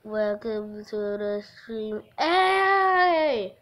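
A giggly woman hosts a casual game livestream, chatting and reading aloud from a visual novel, often breaking off into laughter. Her medium-pitched voice is expressive and fairly bright, and she speaks very slowly.

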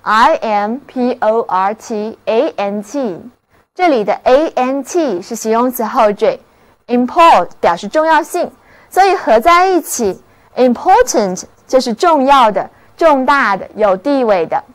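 A woman giving a scripted vocabulary lesson, spelling out English words slowly and carefully. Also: fairly high pitch, expressive.

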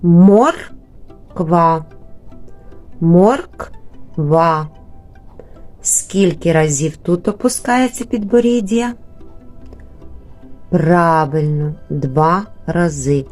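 Slow, patient Ukrainian woman teacher. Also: on the low side, darkish tone, faint music behind. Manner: slow, patient, drawn-out syllables. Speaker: primary school teacher. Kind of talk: remote lesson for young children.

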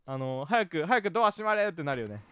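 A man's voice: on the high side, sing-song, very fast, lo-fi sound, very noisy. A man doing live horror game commentary as a scared, jumpy streamer.

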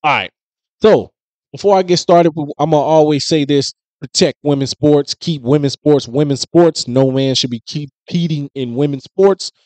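A man in his thirties hosting a casual sports commentary show, talking in a conversational, animated way with frequent fillers and restarts, into a studio microphone in a small home studio. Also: a little high, moderate pace, no room sound. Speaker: host. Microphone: studio mic on boom close to mouth.

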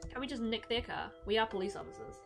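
A woman co-hosting a let's-play, chatting casually in a giggly, excitable and playful way. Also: fairly high pitch, quick pace, faint music behind. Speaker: gaming channel co-host.

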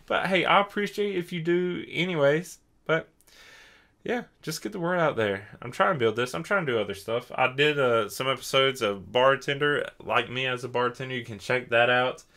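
Tipsy from drinking, a young male podcast host chats away in a rambling, self-deprecating manner. He speaks at a normal speed in a mid-range voice with a bright, forceful tone.

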